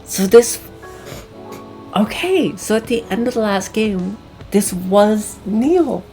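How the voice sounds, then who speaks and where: Excitable woman streamer with game music. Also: medium pitch, slow. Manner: excitable, blurts out reactions. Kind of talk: casual game commentary.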